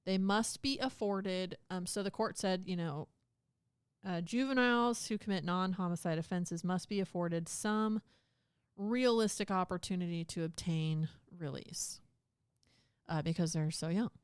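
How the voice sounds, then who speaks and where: Woman podcast cohost, lowish smooth voice, casual chatty explaining. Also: moderate pace, dry recording, studio quality. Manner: chatty, retelling a legal case in plain words. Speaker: podcast co-host. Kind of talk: casual chat.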